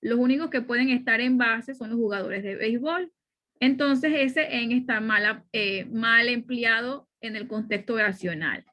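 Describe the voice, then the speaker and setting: A woman's voice: a little high, normal speed, sharp tone. A middle-aged woman teaching a spoken grammar lesson over slides, explaining step by step and often checking in with her listeners. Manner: explanatory, frequent "¿ya?" check-ins and fillers.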